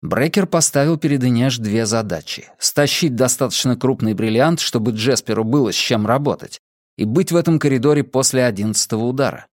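A man reading an audiobook in measured scripted narration. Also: mid-range voice, no room sound, clean studio sound. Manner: measured storytelling.

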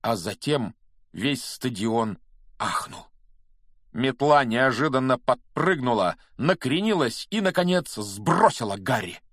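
A man narrating a fantasy audiobook in a brisk, steady storytelling manner. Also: medium pitch, no echo, clean studio sound. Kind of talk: scripted narration.

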